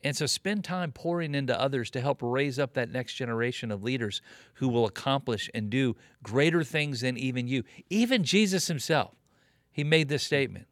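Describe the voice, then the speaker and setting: A man in his late fifties speaks with a pastor's earnest, emphatic cadence and leans on repetition to drive his points home. His voice sits at an ordinary pitch. It is recorded close and dry, with no room sound. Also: lively intonation, normal speed, no echo. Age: 50s. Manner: earnest preacherly, emphatic repetition, frequent "you know" and "man". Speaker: pastor and guest. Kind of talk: conversational interview on ministry leadership.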